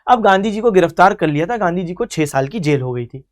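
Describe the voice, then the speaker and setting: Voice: mid-range voice, lively intonation, quick pace. An exam-prep history teacher giving an online coaching lecture, asking quiz questions, explaining them like a story and calling the students "beta" while mixing in English terms.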